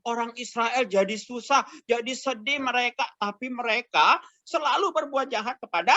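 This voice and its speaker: A man's voice: very high-pitched, normal speed, bright, forceful tone, no echo, pitched above the performer's own voice. A man voicing a prophet who sternly warns an old priest about his sons. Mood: reproachful. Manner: reproachful, warning.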